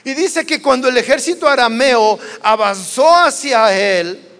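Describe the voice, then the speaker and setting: A man's voice: very high-pitched, lively intonation, measured pace, fairly bright tone. A man preaching a sermon in Mexican Spanish, telling a Bible story dramatically and acting out its dialogue. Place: church hall. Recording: long church-hall reverb.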